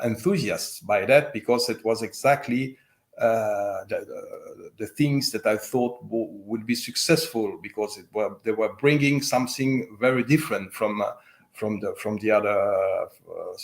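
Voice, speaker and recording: A loudspeaker company owner with a French accent, answering interview questions haltingly with many fillers and restarts. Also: male voice, fairly low pitch. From French-speaking Switzerland.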